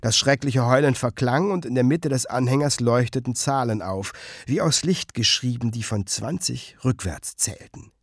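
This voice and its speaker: A man narrating a dark story in a slow, expressive audiobook reading. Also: mid-range voice, no echo, studio quality.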